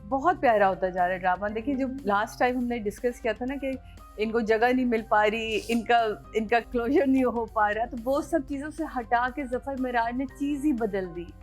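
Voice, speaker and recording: A woman on a drama review panel, chatting casually with lively enthusiasm. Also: a little high, normal speed, soft background music. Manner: lively and enthusiastic, laughs while telling.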